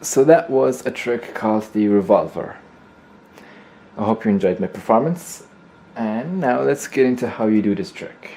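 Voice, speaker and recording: A man's voice: lowish voice, animated, moderate pace, echoey room, noisy background. A man hosting a magic tutorial in casual card magician patter, explaining step by step and often repeating himself.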